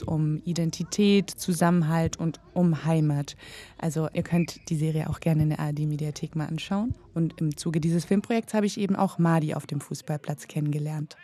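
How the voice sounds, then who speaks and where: A woman's voice: on the low side, dark tone. A woman reporter and filmmaker talking fluently and explaining at length on a podcast. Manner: fluent, explanatory, with occasional "äh" fillers. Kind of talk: podcast conversation and narration.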